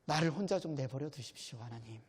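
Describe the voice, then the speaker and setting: A man's voice: medium pitch, fast, breathy edge, long reverb tail, voice pushed down, close to an everyday voice. A man voicing a suffering man crying out to God in an anguished, pleading lament. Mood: despairing.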